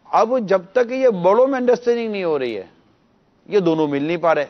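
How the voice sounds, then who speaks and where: A man's voice: high-pitched, lo-fi sound. A man speaking as a religious scholar on a TV panel, earnestly pleading with viewers and teaching through parables.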